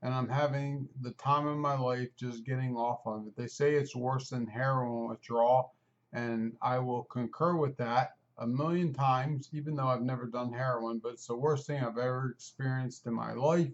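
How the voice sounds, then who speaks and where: A man in his fifties talking candidly and at length into the camera, rambling at a quick clip. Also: medium pitch, fairly even intonation, muffled recording. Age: 50s. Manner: candid, rambling, talks fast on purpose. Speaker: vlogger. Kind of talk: personal video talk.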